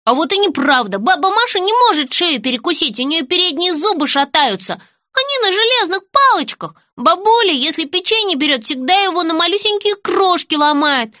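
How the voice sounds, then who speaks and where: A woman's voice: very animated, moderate pace, pushed and bright, no echo, studio quality, full character voice. A woman reading an audiobook, voicing a mouthy boy of about seven. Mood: cheeky. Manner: shrill, mouthy. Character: cheeky little boy, seven or eight.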